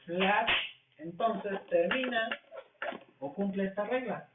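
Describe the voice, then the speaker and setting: A man teaching a language class, explaining rules slowly and asking questions that he answers himself. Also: high voice, noisy background. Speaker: English teacher. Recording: tinny, echoey, from far off the mic.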